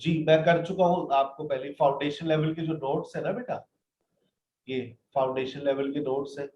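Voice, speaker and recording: A man's voice: fairly high pitch, fairly even intonation, normal speed, a little mellow, slight background noise. A man teaching an online English class, patiently reading out word lists and calling his students "beta". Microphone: computer mic in a live video class. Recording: roomy, dull online class audio.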